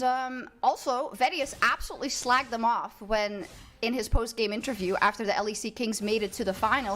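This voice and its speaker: High-voiced woman esports caster. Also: a bit bright, slight background noise. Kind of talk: live esports commentary.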